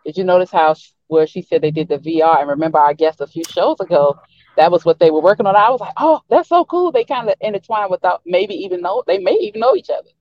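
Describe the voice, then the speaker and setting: A woman joining a podcast by video call, chatting casually and speaking haltingly. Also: fairly low pitch, dry recording, muffled recording. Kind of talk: casual chat.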